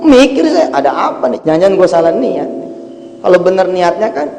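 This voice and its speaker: A middle-aged man preaching a sermon, moving between chanted Arabic recitation and animated everyday talk. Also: high-pitched, brisk, a little hiss or hum. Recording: long hall reverb.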